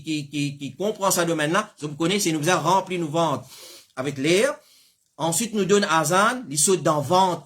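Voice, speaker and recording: A man's voice: high-pitched, pushed and bright. A man with a Mauritian accent giving religious teaching, explaining and sounding out pronunciations himself. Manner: explanatory, demonstrates pronunciations aloud. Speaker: Islamic scholar answering questions.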